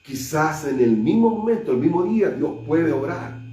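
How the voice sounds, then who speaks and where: A man, a pastor with a Chilean Spanish accent, preaching a sermon and acting out scripture scenes, swinging between loud and hushed delivery. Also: on the high side, lively intonation, moderate pace, faint music behind. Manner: retells scripture with acted dialogue, shifts between loud and hushed. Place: church sanctuary. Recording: echoey church from far off, faint noise.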